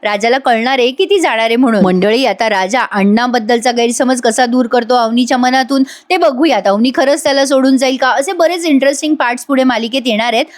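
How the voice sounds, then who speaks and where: A woman giving a chatty, animated voice-over recap of a TV serial episode. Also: on the high side, a little fast, hardly any pauses. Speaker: TV serial reviewer. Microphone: voice-over mic.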